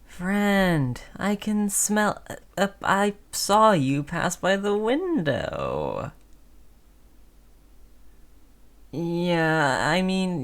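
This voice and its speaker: In an audio roleplay, a woman voices a sly, chummy female zombie at a fairly low pitch. She coaxes the listener in a falsely friendly, hesitant, conversational way.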